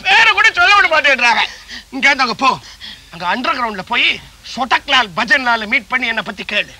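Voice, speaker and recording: An actor playing a blustering comic gangster boss in a stage play, bossy and boastful, barking orders and threats. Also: male voice, very high voice, lively intonation, a little fast, bright, forceful tone, full character voice.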